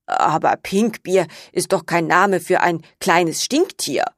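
A grumpy old witch from a children's storybook, gruff and muttering, with a husky, slightly breathy voice, as a woman reads her part. The sound is close and dry. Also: fairly low pitch, slow pace, dry recording. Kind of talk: storybook reading.

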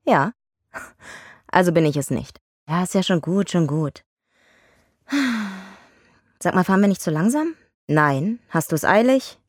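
A woman plays a dry-humoured patrol officer in a dubbed film scene, trading sarcastic jabs in a somewhat low voice. The sound is close and dry, with no room around it. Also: expressive, a little slow, pauses often, dry recording. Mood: bickering. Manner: teasing, bickering banter. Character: police officer in a patrol car, wry and sarcastic.

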